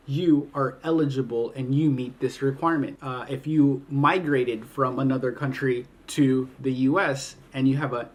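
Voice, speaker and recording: Methodical recruiter man from the Philippines. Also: medium pitch. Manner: clear, methodical, list-by-list delivery. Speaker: army recruiter. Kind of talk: informational video explainer.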